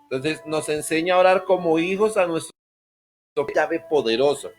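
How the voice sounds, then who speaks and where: A man's voice: a little high, normal speed, soft background music. A male pastor giving an informal sermon on prayer. He jokes and puts questions straight to his listeners.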